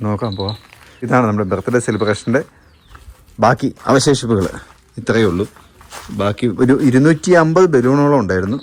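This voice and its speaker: A woman's voice: rumbling low, brisk, pauses often, darkish tone. A woman chatting casually in a home vlog, teasing and coaxing small children outdoors and then inside the house. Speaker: family vlogger.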